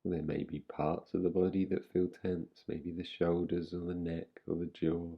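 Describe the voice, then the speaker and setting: Guiding a yoga nidra relaxation meditation, a man speaks in a low, husky voice with creaky fry, gentle and soothing, never rushing and pausing at length between instructions. His pitch barely moves, and the high frequencies are cut off.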